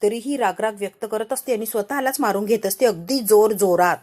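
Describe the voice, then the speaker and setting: A woman narrating a dramatic recap of a television serial in an expressive, emphatic storytelling manner. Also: medium pitch, fairly quick.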